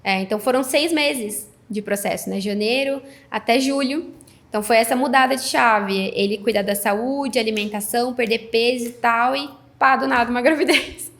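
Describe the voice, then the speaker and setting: Woman in her 30s chatting on a podcast, higher pitched, acts out the back-and-forth as she tells it. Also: moderate pace. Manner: animated storytelling, acts out quoted dialogue. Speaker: podcast guest. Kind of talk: casual chat.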